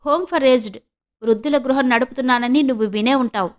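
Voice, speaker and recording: A woman's voice: high-pitched, moderate pace, close to an everyday voice. A woman reading the lines of a proud, bitter middle-aged woman who speaks sharply and scornfully to her ex-husband. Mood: cold. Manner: sharp and scornful, snapping out short questions.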